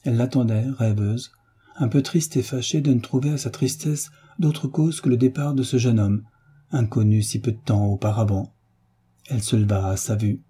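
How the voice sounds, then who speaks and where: A man reading a novel aloud as an audiobook narrator, gentle and measured, lifting his voice slightly for the characters. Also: medium pitch, slightly rough. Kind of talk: scripted narration.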